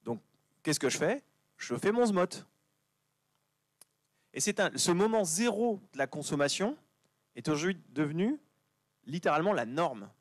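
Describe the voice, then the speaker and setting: A man giving a lively conference talk, chatty and joking with the audience. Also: on the high side, unhurried, long pauses, dry recording. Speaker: conference speaker. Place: conference venue.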